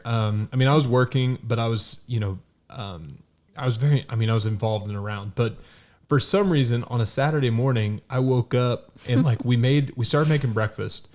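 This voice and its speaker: Man, casual podcast co-host, mid-pitched voice, rambling storyteller, lots of fillers. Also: darkish tone. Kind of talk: casual conversation.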